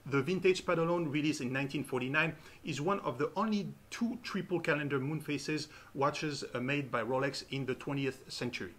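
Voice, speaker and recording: Man, thirties, host, earnest, halting "uh" pauses, slightly high voice, seated in a dark studio. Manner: earnest, with frequent "uh" pauses mid-phrase. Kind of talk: presenting auction results to camera. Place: dark studio with shelves behind.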